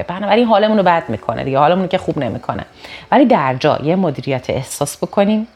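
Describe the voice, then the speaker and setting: A woman giving an informal spoken lesson on handling customers, acting out the customers' replies in quick voices. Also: deep voice, a little mellow, a little hiss or hum. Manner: conversational, explanatory. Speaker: sales trainer.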